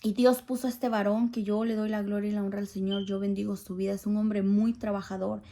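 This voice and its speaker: A woman's voice: medium pitch, flat delivery, brisk, warm tone. A middle-aged woman giving an earnest, pleading testimony to a congregation at church. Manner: earnest, pleading, asks listeners for agreement.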